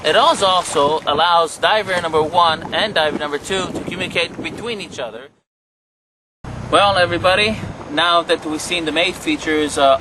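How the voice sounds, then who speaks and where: Man, fairly high voice, halting explanatory delivery, product demonstration, loud wind and boat noise. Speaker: product trainer, presenter. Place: outdoors aboard a boat. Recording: windy, noisy outdoor boat recording.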